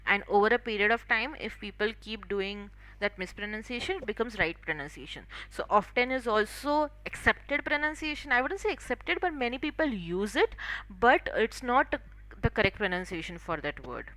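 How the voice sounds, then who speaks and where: A woman with a Marathi-tinged Indian accent teaching English in an online class, explaining phrases and pronunciation briskly. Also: a little high, expressive, sharp tone, no room sound, rough recording.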